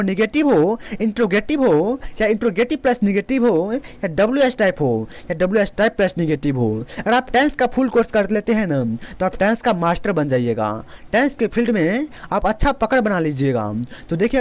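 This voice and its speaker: A spoken English teacher with an Indian accent explains in Hindi and repeats each English example slowly, several times. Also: medium pitch. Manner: explains in Hindi, models English phrases deliberately. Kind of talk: Hindi-medium English lesson.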